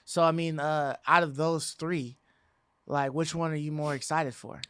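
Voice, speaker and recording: A man's voice: a little high, fairly even intonation, measured pace, a bit bright, clean tone. A man co-hosting a casual gaming podcast, laid-back and slangy, steering the talk to the next topic. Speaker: podcast co-host. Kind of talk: casual chat.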